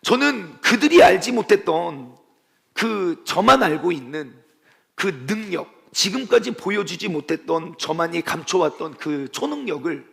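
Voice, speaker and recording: A man preaching at a church service, his voice pitched high and swinging widely as he tells the story. He turns playful and throws in sound effects, with a gravelly rasp underneath. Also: animated, a little slow, long reverb tail. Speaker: pastor. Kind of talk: sermon.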